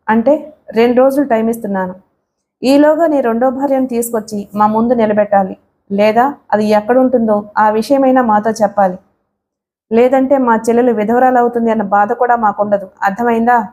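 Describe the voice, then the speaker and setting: A woman's voice: fairly high pitch, fairly even intonation, normal speed, natural voice. A woman voicing a menacing man who threatens his sister's husband. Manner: menacing, shouting. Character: threatening older brother-in-law, bully.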